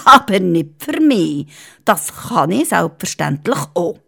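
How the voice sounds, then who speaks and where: A woman's voice: fairly low pitch, very animated, a little slow, vocal fry, pushed and bright, exaggerated voice. Woman doing a boastful male sorcerer. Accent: Swiss German.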